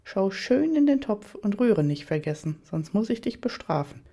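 A woman voicing a dominant, commanding man in an erotic audiobook, speaking in a low, teasing murmur. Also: big pitch swings, normal speed, mellow. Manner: low, teasing, bossy murmur near the ear.

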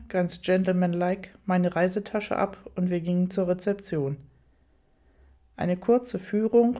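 A woman with a fairly low voice narrates a first-person audiobook story at an even storytelling pace, adding light, amused touches.

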